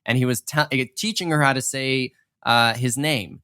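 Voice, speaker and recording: A man's voice: mid-range voice, moderate pace, pushed and bright, clear, resonant tone, dry recording, clean studio sound. A young man hosting a podcast, chatting casually and telling stories, acting out the people he quotes. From Persian family. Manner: chatty storyteller, acts out quoted voices. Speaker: podcast host. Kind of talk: casual chat.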